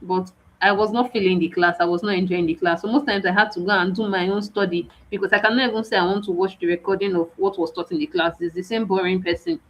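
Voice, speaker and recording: A woman's voice: medium pitch, steady tone, fast, hardly any pauses. A woman giving an onboarding briefing to students, firm and stern, repeating her warnings one after another. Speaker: program organizer. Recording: dull lo-fi audio.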